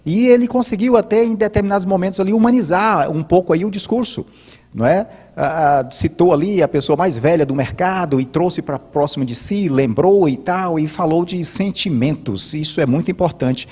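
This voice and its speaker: A man's voice: on the high side, darkish tone, husky. A middle-aged man hosting a commentary show, explaining speech technique in a didactic way with frequent hesitant restarts. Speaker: host and commentator. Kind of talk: spoken commentary on political speeches. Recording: long hall reverb.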